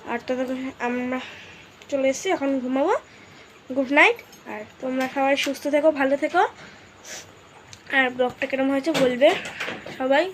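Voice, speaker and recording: A young woman with a hoarse voice and a stuffy nose from a cold, chatting casually to her vlog camera as she shows her meal and home. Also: high voice, normal speed, pauses often, background noise. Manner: chatty, showing things to camera. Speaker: vlogger.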